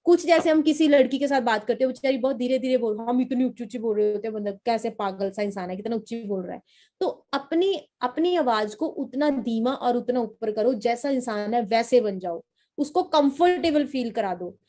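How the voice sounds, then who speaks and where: A young woman from Punjab giving a lively, repetitive training talk to a sales team as its trainer. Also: on the high side, normal speed. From Punjab, India. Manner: coaching, repetitive, lively storytelling. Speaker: network marketing trainer.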